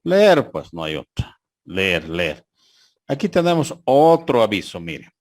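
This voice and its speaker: A man, a university lecturer giving an online class over a video call, who reads examples aloud slowly and mocks their errors. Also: fairly low pitch, big pitch swings, darkish tone, no echo.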